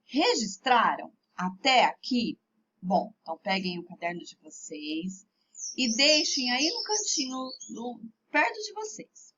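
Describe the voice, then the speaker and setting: A woman teacher with a Brazilian Portuguese accent gives a remote lesson to young pupils, speaking slowly and carefully sounding out each word. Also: a little high, sing-song, a bit bright, muffled recording. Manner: slow, clearly articulated, spelling out words for children. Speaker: primary school teacher.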